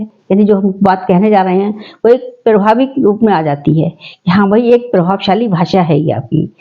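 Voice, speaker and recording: A woman's voice: medium pitch, dark tone, highs cut off. A woman teaching a grammar lesson, explaining step by step and answering her own questions.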